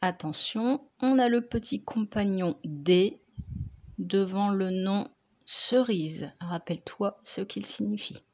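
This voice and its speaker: A woman teacher, slowly dictating and correcting spelling words for young pupils, articulating each word carefully. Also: medium pitch, darkish tone. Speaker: primary school teacher.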